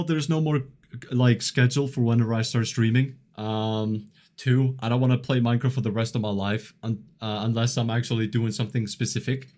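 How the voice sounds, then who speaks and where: A man's voice: mid-range voice, a little mellow. Laid-back young man streamer. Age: 20s. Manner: laid-back, chuckles often, filler-heavy rambling. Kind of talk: casual live-stream chat reading chat messages.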